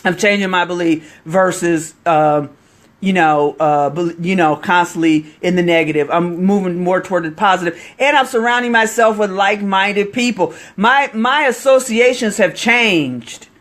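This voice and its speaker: A man giving a motivational live stream as an online marketing coach, getting excitable and preachy while greeting viewers as they join. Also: high-pitched, normal speed.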